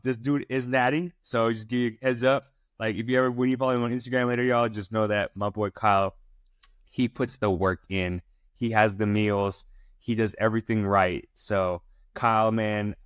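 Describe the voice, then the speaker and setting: A male podcast host with a lowish voice, hyping up his guest in loose, slangy talk. The sound is close and dry, with no room around it. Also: clear, resonant tone, no room sound. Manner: hyped, slangy, calls guest "my boy" and "my brother". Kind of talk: casual podcast interview.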